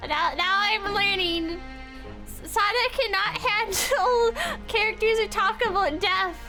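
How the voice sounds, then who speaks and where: A woman's voice: a little slow, over music. A woman streamer and voice actress who narrates a visual novel and teases her co-readers, often giggling. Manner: giggly, teasing, drops low for narration.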